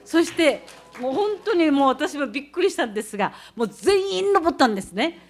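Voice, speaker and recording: A woman's voice: sits high, animated, brisk. A woman from the Tohoku region of Japan giving a talk, explaining techniques step by step as she demonstrates them. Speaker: speaker recounting leading a student climb.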